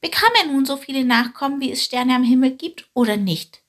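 A woman voicing a curious, easily startled young male sparrow in a storybook reading, breathy and high. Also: fairly quick. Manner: eager, wondering questions.

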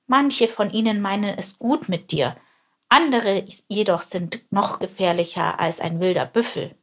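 A woman's voice: on the low side, slightly rough, exaggerated voice. A woman voicing a wise old male lion who grumbles and speaks solemnly.

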